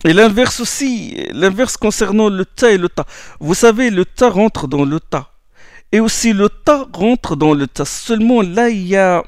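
A man teaches recitation rules, switching between plain explanation and chanted verses. His voice sits a bit high and has a gravelly edge. The recording is dry and close, with no room sound. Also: no echo. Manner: repeats words and restarts often while explaining. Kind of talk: classroom lesson on recitation rules.

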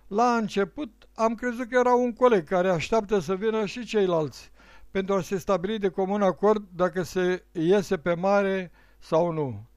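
A man narrating a novel as an audiobook, with measured first-person storytelling. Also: sits high, darkish tone, no echo. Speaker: audiobook reader.

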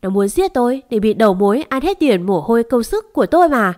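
A woman voicing a spiteful young servant girl who speaks in shrill, accusing tones. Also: sing-song, quick pace, darkish tone.

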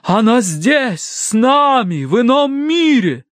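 A man reading an audiobook voices an imperious woman spirit medium who speaks in a slow, hoarse, eerie howl. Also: very high-pitched, very animated, fairly bright tone, dry recording, studio quality, pitched above the performer's own voice, full character voice. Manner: slow, commanding pronouncements. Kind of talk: audiobook character voice.

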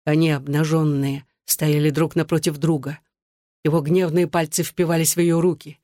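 A woman narrating a novel in an even, measured reading voice. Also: low voice, dry recording, studio quality. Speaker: audiobook narrator.

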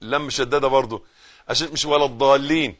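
A man's voice: medium pitch, fairly even intonation, fast talker, a bit bright. A middle-aged Egyptian man teaching Quran recitation, correcting mistakes and repeating each word for the listener to follow. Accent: Egyptian Arabic.

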